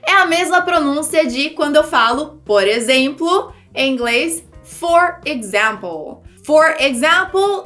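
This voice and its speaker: Woman teaching english, high voice, unhurried, soft music behind. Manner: lively, explains with repeated example words. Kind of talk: language lesson for Portuguese speakers.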